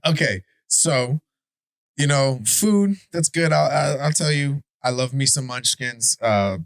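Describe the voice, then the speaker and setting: A man with a Chicago accent co-hosting a podcast in casual debate chat, animated and profane, stumbling and restarting his sentences. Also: mid-range voice, a little slow, vocal fry, no room sound. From Chicago area. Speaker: podcast co-host.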